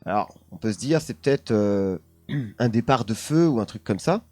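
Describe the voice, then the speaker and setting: A man's voice: lowish voice, animated, moderate pace, dark tone, no echo, soft background music. A man streaming live, casually telling a paranormal story while chatting with his viewers, laughing often and leaning on the same filler words.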